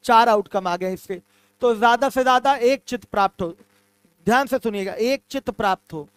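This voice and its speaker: Patient male math teacher, clear smooth voice, dry close mic, says everything twice. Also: extremely high pitch, fairly quick, a bit bright, no room sound. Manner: patient, repeats key terms, calls students "my children". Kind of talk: online class lecture.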